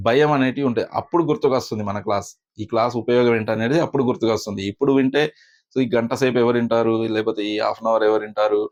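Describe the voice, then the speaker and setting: A man teaching a spoken pronunciation lesson, explaining slowly with many pauses and fillers. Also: lowish voice, darkish tone. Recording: slightly dull lo-fi recording.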